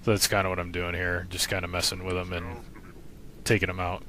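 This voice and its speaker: Here a man with a low voice gives fairly quick, completely flat-sounding instructions as a game walkthrough narrator. He explains matter-of-factly in a casual, laid-back way, and video game sound plays behind the noisy recording.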